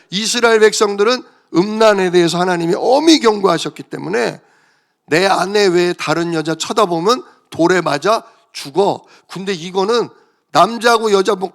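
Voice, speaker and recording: A male pastor preaches in a church, speaking in a conversational way and often putting questions to his listeners. His voice sits a little high and has a gravelly rasp. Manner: conversational, asks the congregation questions. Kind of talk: sermon.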